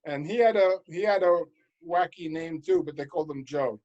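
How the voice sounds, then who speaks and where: A man who is a comedian co-hosting a casual chat, setting up deadpan punchlines. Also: on the high side, moderate pace, highs cut off. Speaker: comedian co-host.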